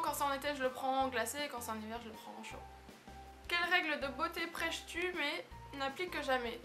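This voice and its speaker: Young woman, vlogger, bright tone, relaxed and giggly. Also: high voice. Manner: chatty, relaxed, laughs often, many fillers. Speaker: beauty vlogger. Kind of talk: casual vlog answering tag questions.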